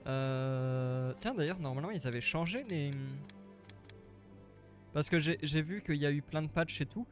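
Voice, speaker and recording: Slightly high, chatty male game streamer. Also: moderate pace. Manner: chatty, rambling, repeats himself. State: a little tired. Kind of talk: casual live let's-play commentary. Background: faint game music.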